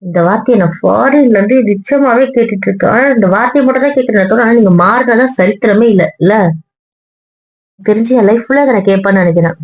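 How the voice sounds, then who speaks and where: A woman's voice: mid-range voice, fast talker. A woman in a couple's argument vlog, talking to her partner in a hurt, weary, lecturing way. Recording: dull lo-fi sound.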